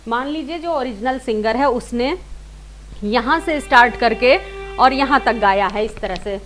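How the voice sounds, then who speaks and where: With music playing behind her, a woman with a fairly high voice teaches singing informally at a normal pace. She walks through each step, restating points in new ways and slipping English words in. The rough recording has noticeable hiss and noise.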